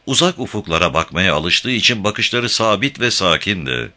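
A man narrating a novel as an audiobook in a measured storytelling delivery. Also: low-pitched, big pitch swings, sharp tone. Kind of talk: scripted narration.

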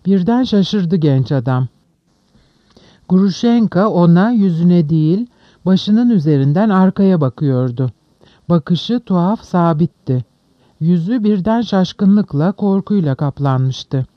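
Brief: literary audiobook narrator, mid-pitched, measured; dry, slightly dull recording. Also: lively intonation, dry recording.

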